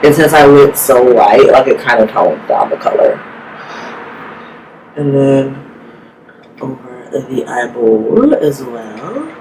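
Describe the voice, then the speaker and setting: A woman's voice: rumbling low, takes it slowly, pauses often. A woman beauty vlogger talking through a makeup tutorial in a chatty, casual way, with lots of "like" fillers. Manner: chatty, filler-heavy, says "like" often. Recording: steady background hiss.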